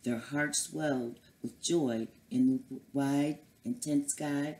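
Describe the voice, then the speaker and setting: Slow, very low-voiced woman reading aloud. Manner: lively storybook reading with character voices. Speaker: guest reader. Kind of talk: reading a picture book aloud.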